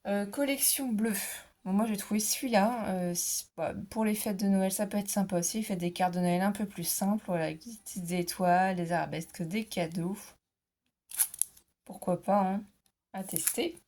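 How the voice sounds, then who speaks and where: A woman's voice: mid-range voice, steady tone, moderate pace, a little mellow. A middle-aged woman chatting casually about her craft haul, hesitant, with many fillers. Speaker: scrapbooking vlogger.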